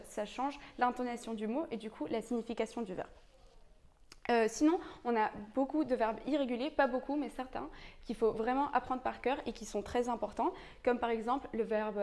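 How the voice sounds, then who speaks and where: A young woman language teacher explains Spanish verb conjugations in French, casual and patient, often hesitating and restarting. Her voice sits on the high side with a darkish tone.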